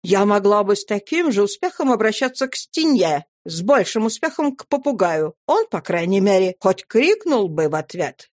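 A woman's voice: mid-range voice, very animated, moderate pace, hardly any pauses, dry recording, studio quality, natural voice. A woman voicing a haughty, reproachful society wife who nags her husband in a storybook reading. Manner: reproachful, sharp.

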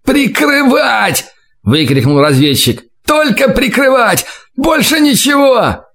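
A man's voice: sits high, animated, slow pace, pitched above the performer's own voice. A man voicing a wounded young male scout who pleads and cries out in pain in an audiobook. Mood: shrieking. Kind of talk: audiobook character voice.

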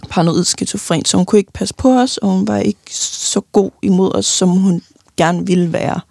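A young woman giving a halting, personal account of loss in an interview, often pausing and restarting, sometimes tearful. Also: medium pitch, steady tone, gravelly, a little mellow, no echo, studio quality. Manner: halting, many fillers and restarts, tearful at times.

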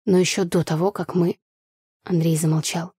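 Woman narrator, audiobook, husky voice, dry close sound. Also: fairly low pitch, fairly even intonation, moderate pace, warm tone, no room sound. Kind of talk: first-person audiobook narration.

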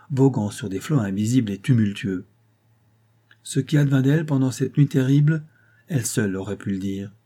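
A man reading a classic novella aloud in a measured, dramatic storytelling manner. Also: on the low side, mellow, breathy edge. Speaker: narrator.

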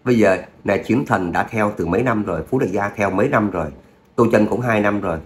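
Low-voiced man narrating a story. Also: fast. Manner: chatty, with filler words, then a steady reading. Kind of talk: casual chat, then story narration. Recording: roomy echo, faint hum.

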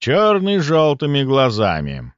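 A man's voice: mid-range voice, wildly swooping pitch, unhurried, smooth, dry recording, voice pushed up. A man reading an audiobook voices the first-person hero, a cool, commanding young man with a stern, ironic manner. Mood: stern, mocking. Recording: dull lo-fi dry audiobook recording.

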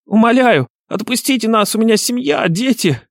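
Audiobook captive: a man playing a high-voiced, bleating, groveling coward. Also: expressive, normal speed, vocal fry, no room sound, studio quality, full character voice. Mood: begging.

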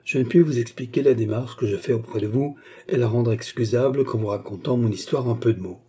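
A man reading as a smooth scheming baronet. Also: medium pitch, a little fast, mellow, natural voice. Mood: persuasive. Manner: courteous, persuasive, self-assured. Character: scheming smooth-talking male English baronet, adult.

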